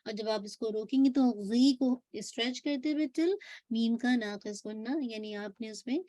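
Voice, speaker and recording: A woman with a Pakistani Urdu accent teaching Quran recitation rules, modeling words slowly and explaining each rule. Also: on the high side, warm tone, no echo. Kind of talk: tajweed class over audio call.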